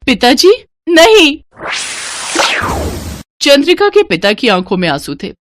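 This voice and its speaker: A woman giving scripted, measured storybook narration. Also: medium pitch, huge pitch swings. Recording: noisy recording.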